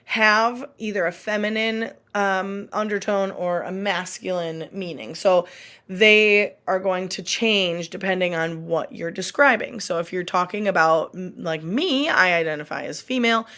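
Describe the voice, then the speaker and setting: A woman's voice: on the low side, unhurried, pushed and bright. A woman who is a Spanish teacher and a mother, speaking in a recorded online lesson and patiently repeating example words. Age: adult.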